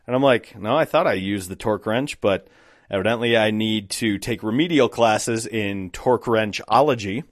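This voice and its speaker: A man hosting a solo podcast, telling stories about his old jobs in a wry, self-mocking way, with lively switches when he quotes other people. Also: on the low side, normal speed, dry recording, studio quality. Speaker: podcast host. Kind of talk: casual solo storytelling.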